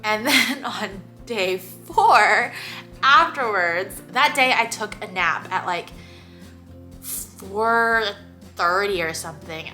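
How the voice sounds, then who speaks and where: A young vlogger with a medium-pitched, sharp voice talks to her camera about her own experience, peppering it with "like" and quick laughs. Her nose sounds a little stuffy from congestion.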